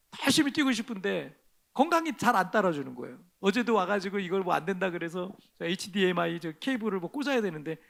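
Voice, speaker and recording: High, gravelly Korean pastor preaching. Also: male voice. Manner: conversational, self-deprecating, swings between soft and loud. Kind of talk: sermon. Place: church sanctuary.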